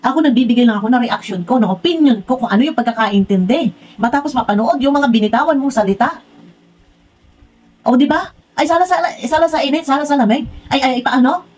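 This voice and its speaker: A woman vents in a reaction vlog. Her voice sits high, and she scolds in an exasperated tone, stacking up rhetorical questions. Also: brisk, darkish tone, slightly rough, poor audio. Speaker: vlogger.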